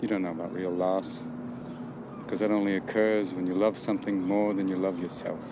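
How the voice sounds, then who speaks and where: A grieving middle-aged therapist. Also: male voice, sits low, flat delivery, background noise. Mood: grave. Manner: quiet, intense, measured speech. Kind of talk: dramatic film monologue.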